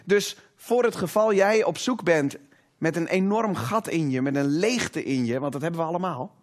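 A man with a notably high voice preaching a sermon to a congregation. He talks emphatically, lingers on the words he wants to stress, and keeps drawing the room in with questions. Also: lively intonation, normal speed. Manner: engaging, asks the audience rhetorical questions.

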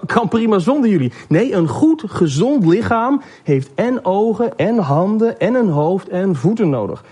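Man, Bible teacher, husky, fairly high voice, hesitant casual teaching, reading a parable aloud. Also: warm tone. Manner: hesitant, many fillers and restarts.

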